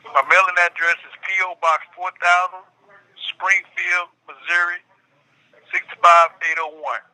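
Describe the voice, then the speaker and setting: A man speaks over a prison phone line, and the call makes his voice thin and tinny. His voice sits fairly high and sounds very bright. He answers questions in a calm, plain-spoken way. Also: a little slow. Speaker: federal inmate calling from prison.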